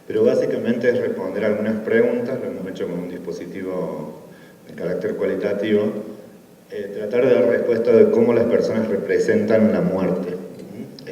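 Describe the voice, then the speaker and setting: A man from Argentina with a Córdoba accent giving a relaxed conference talk, full of fillers and tag questions. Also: low-pitched. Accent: Argentine Spanish, Córdoba. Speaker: academic conference speaker. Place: conference room. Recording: distant, echoey hall, dull sound.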